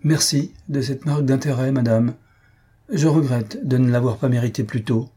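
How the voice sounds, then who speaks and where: A man's voice: medium pitch, moderate pace, mellow, husky, voice pushed up, close to an everyday voice. A man voicing an earnest young man in love in an audiobook reading, his voice a little raised.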